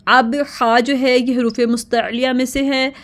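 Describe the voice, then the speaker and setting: A woman gives a children's lesson in a smooth, clear voice that sits a little high. She spells each syllable out slowly and repeats it with patience, slipping English words in as she goes. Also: level tone. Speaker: Quran reading teacher for children.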